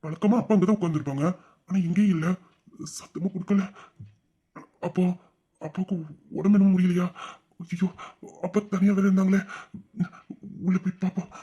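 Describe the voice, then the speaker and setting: A man's voice: high-pitched, steady tone, fairly quick, long pauses, dark tone, slightly rough, highs cut off. A man playing a devoted young adult son who speaks earnestly and emotionally to his father. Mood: worried. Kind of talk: audio drama acting.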